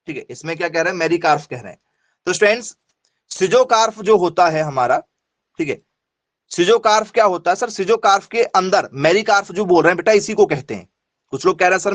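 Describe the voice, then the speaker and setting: High-voiced teacher asking and answering himself. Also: male voice, fairly bright tone, no echo. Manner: repetitive, questions and answers himself, addresses students directly. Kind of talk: online exam-prep lesson.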